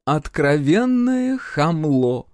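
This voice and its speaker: A man's voice: fairly high pitch, sing-song, very slow, darkish tone, dry recording, studio quality, voice pushed up, full character voice. A male audiobook reader voicing a haughty female goddess of dreams who speaks with contempt and sarcasm. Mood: scornful. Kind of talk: audiobook character voice.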